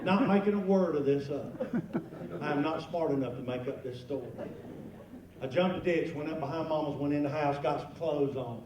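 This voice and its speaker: A man's voice: on the high side, normal speed. Folksy man spinning a comic yarn. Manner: animated, folksy, acts out exclamations and sound effects. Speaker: luncheon guest speaker. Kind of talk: comic storytelling to an audience. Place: large event room at a lunch. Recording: echoey hall from far off, room noise.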